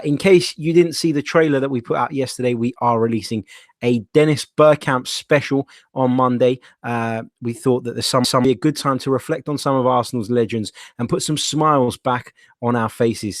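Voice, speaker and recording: A man's voice: mid-range voice, no echo, studio quality. A man with a London accent casually presenting a live football fan phone-in in a blunt, matey way.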